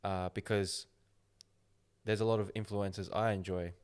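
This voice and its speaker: A man hosting a casual podcast chat, talking slowly and deliberately as he gives his opinions. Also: on the low side, flat delivery, a little mellow, clear, resonant tone. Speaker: podcast host.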